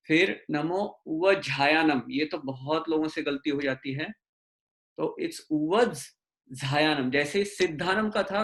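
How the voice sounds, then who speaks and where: A man teaching an online class, mixing English into Hindi and slowly drawing out syllables to correct pronunciation. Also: fairly high pitch, fairly bright tone. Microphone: video call.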